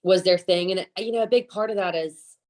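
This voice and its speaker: Brisk and lowish-voiced with a slightly mellow quality, a woman from Alabama talks as a chef guest on a casual podcast. Her Southern US accent comes through as she chats freely and stresses her opinions with emphasis.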